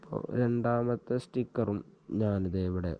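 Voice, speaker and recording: With a fairly low, steady voice at normal speed, a man gives a hands-on installation tutorial, casually chatting and thinking aloud. The action camera on his helmet yields dull audio with slight background noise.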